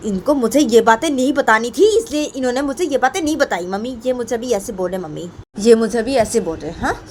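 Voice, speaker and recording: A woman voicing a furious young mother in a storybook tale, shouting and repeating angry questions. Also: mid-range voice, fast, a little hiss or hum, lightly acted. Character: furious young mother scolding her partner.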